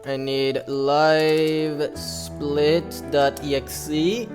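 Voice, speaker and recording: Speaking very slowly in a high, fairly even voice, a speedrunner gets ready on stream, muttering to himself, addressing his audience casually and pumping himself up. His headset audio carries background music.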